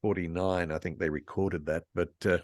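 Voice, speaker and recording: A man talking as a guest on a podcast, an animated storyteller who often laughs while explaining cartoon voice history. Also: sits low, moderate pace, dry recording, clean studio sound. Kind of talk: casual podcast conversation.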